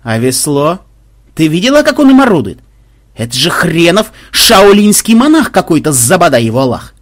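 A reckless, boastful gunman, put on by a man reading aloud blares his lines in a high, husky voice. His pitch leaps around as he crows and grumbles. He sounds crude and full of himself. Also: big pitch swings, moderate pace. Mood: indignant. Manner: loud and cocky.

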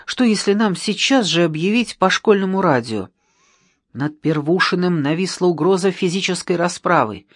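An eager, excited schoolboy who pitches wild plans in a rush, as an audiobook reader puts him on. His voice sits at a middling pitch, recorded close and dry with no room sound. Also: no echo, natural voice. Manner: eager, rapid, proclaiming. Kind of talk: audiobook reading.

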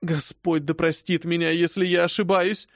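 A man's voice: on the high side, little pitch movement, moderate pace, no room sound, studio quality, voice pushed up, close to an everyday voice. A man doing a frantic young servant girl. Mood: pleading. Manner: breathless, sobbing pleas. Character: frantic young female servant, tearful and pleading. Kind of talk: audiobook reading.

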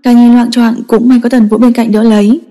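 A woman narrating a dramatic story in a steady, emotive reading. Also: on the high side, fairly quick. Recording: long echoing reverb.

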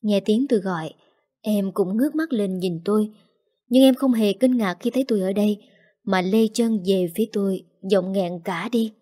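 Mellow-voiced woman narrating an emotional story. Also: mid-range voice, moderate pace. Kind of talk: first-person audio story narration.

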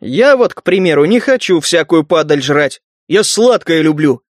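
A man's voice: on the high side, expressive, moderate pace, no echo, studio quality, close to an everyday voice. Sakharok, a man doing a cheeky mumbling mutant. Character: Sakharok, a sly male mutant with a sweet tooth, cheeky.

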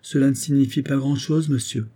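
A man's voice: mid-range voice, steady tone, a little fast, mellow, pitched above the performer's own voice, lightly acted. A man reading an audiobook voices a tender carpenter's wife who pleads tearfully and speaks deferentially, calling her listener "sir". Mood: sad. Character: tender, tearful carpenter's wife, middle-aged servant woman.

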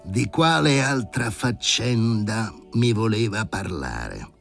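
A man voicing an exasperated elderly male professor surgeon who talks slowly and with fussy indignation, in an audiobook reading. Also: on the low side, animated, creaky, fairly bright tone, faint music behind, pitched above the performer's own voice, full character voice. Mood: weary.

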